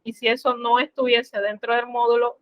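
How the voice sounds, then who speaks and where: A woman's voice: on the high side, level tone, no room sound, dull audio. A woman teaching a French class online, explaining step by step in a patient, instructive way. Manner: slow, patient, instructive, addresses students formally.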